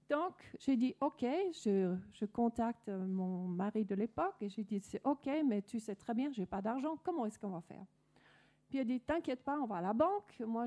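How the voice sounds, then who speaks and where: A woman's voice: a little high, warm tone. A woman from Denmark with a Danish accent, earnestly telling her personal faith story with many restarts. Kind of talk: personal testimony.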